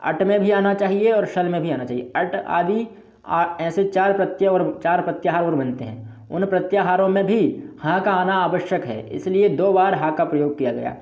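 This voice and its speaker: Man teaching grammar, dull lo-fi sound. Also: sits high. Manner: slow, careful letter-by-letter recitation. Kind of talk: explanatory lecture.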